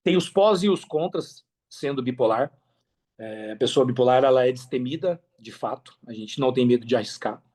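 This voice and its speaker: Speaking at a moderate pace with a medium-pitched, darkish voice, this Brazilian podcast guest recounts his story candidly. He chats freely, full of slang and frequent tag questions.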